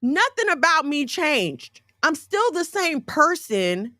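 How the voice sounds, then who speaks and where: Woman, forties, chatty faith talk with folksy asides; bright tone, dry close sound. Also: high voice, slow, dry recording. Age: 40s. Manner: conversational, folksy, animated storytelling with asides.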